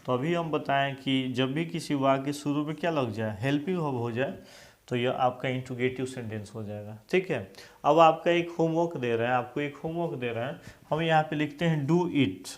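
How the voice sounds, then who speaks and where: A man's voice: medium pitch, normal speed. A male English grammar teacher with a Hindi accent, giving a classroom-style lesson and repeatedly asking questions so students answer aloud.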